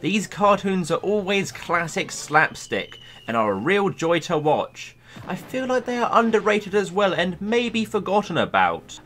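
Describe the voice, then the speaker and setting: A man hosting a video, reading a scripted countdown narration in a playful, lively way. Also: sits high. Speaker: YouTube host.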